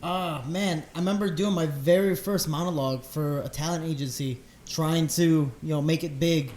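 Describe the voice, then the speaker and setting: A man's voice: fairly high pitch, steady tone, moderate pace, a little mellow, roomy sound. A young man co-hosting a podcast, laid-back and self-deprecating in casual chat. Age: young adult. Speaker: podcast co-host, fighter.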